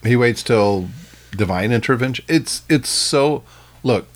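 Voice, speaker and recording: A man's voice: mid-range voice, animated, measured pace. A man co-hosting a podcast, talking bluntly and emphatically in a casual film review chat, with short agreeing replies. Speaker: podcast co-host.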